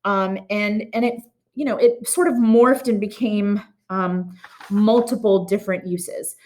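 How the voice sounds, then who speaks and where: A woman's voice: mid-range voice, unhurried, darkish tone. Casual woman teacher full of ums. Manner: casual, many ums and restarts. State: has the hiccups. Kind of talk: recorded art history lecture.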